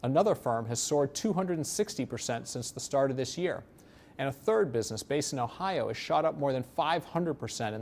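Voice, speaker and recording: A man's voice: mid-range voice, gravelly, darkish tone, a little hiss or hum. American man, emphatic scripted sales presenter. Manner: emphatic, assured, explanatory. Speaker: presenter of an investment promotion. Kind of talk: scripted persuasive sales narration.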